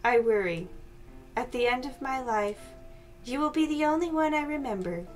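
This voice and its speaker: A woman's voice: high voice, animated, moderate pace, faint music behind, pitched above the performer's own voice. A woman voicing a put-upon small-town art teacher, reading poetry in a mock-formal way. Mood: wry.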